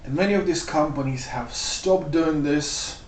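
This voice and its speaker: A man's voice: on the high side, a little slow, a little hiss or hum. A man talking through his views in a loose, rambling way, full of "like" and "you know". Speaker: vlogger. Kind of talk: casual spoken commentary. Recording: roomy sound, mic off at a distance.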